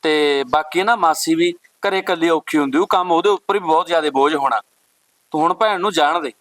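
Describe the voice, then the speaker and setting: A man's voice: a little high, a little fast, a bit bright, no echo, lightly acted. A man with an Indian Punjabi accent playing a protective brother who stands up for his sister. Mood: gentle. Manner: firm, scolding. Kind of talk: village family short film acting.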